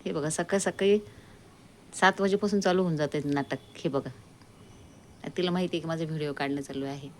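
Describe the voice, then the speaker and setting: A woman vlogging at home, calm asides to viewers mixed with high, coaxing baby talk to her dog. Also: a little fast, long pauses, a little hiss or hum. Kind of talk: casual vlog talking to her dog.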